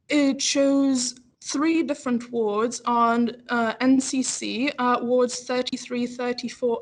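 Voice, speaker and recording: Young woman presenting over a group video call. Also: a little high. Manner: hesitant, many fillers. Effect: heard over a group video call. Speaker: pre-registration pharmacist presenting a project. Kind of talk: project presentation in a webinar.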